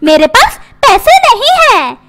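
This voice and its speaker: A woman's voice: very high voice, big pitch swings, slow, bright, forceful tone, a little hiss or hum, full character voice. A woman voicing a dramatic, nagging cartoon mother who complains about her husband.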